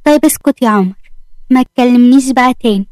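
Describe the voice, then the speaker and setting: A woman's voice: fairly high pitch, darkish tone, no room sound, lightly acted. A woman voicing a fiery young Egyptian heroine. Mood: annoyed. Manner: quick-tempered, bashful.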